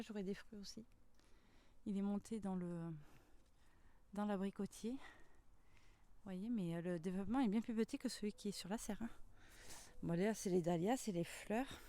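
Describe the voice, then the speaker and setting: A woman's voice: medium pitch, moderate pace, long pauses, dark tone. A woman giving a casual tour of her vegetable garden outdoors, chatty, full of fillers and tag questions, filming on her phone as she walks. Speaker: gardening vlogger.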